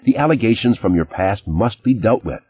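A man's voice: on the low side, expressive, moderate pace, slightly rough, dull audio, voice pushed up. A man voicing an indignant, image-conscious ex-wife. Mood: stern. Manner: clipped, indignant, scolding.

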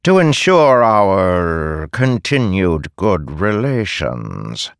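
A man's voice: low voice, big pitch swings, very slow, vocal fry, no room sound, clean studio sound, heavily acted. A man voicing a sly, scheming god who lies to his peers and looks down on others.

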